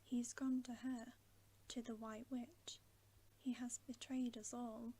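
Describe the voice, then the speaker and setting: A woman's voice: on the high side, little pitch movement, slow pace, warm tone, husky. A woman voicing an earnest, cautious male talking beaver in an emphatic whisper for a storybook. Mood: urgent, stern.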